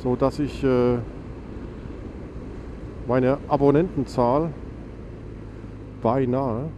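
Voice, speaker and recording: This motovlogger from Germany has a mid-range, fairly even voice, drawing out his words while nasal and congested from a cold. He rambles casually on a motorcycle on a country road, self-correcting and full of fillers. The helmet-mic recording is muffled and noisy with wind and engine sound.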